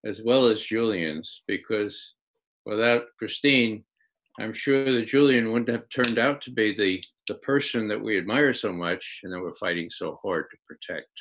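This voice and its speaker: Male livestream speaker with a lowish voice, giving a spoken tribute. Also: measured pace, a bit bright.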